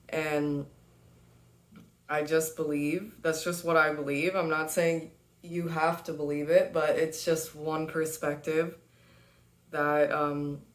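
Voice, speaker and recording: A woman giving a casual tarot reading, chatty and relaxed, laughing often between fillers. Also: deep voice, reverberant. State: has the hiccups. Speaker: tarot reader.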